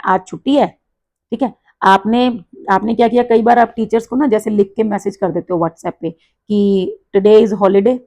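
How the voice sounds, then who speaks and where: A woman teacher explaining an English lesson in Hindi, reading example sentences slowly with marked stress and intonation. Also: fairly high pitch, darkish tone.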